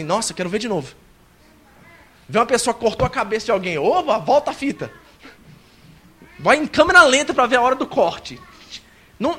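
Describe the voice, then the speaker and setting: A man preaching a sermon as a pastor, swinging between soft, close passages and loud, emphatic lines, and acting out a worshipper's complaints. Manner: acts out a worshipper's complaints in a high whiny voice.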